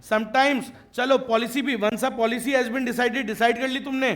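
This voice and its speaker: A man lectures his class in a very high voice. He teases his students with jokes and keeps asking whether they follow. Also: fairly even intonation, takes it slowly, a bit bright. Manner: checks often that students follow; joking and teasing with students. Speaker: teacher.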